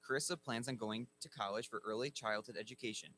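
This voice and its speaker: A man's voice: medium pitch, fast talker, sharp tone, a little hiss or hum. A man announcing at a school ceremony, reading inductee bios formally from a lectern microphone. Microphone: speaking at a lectern microphone.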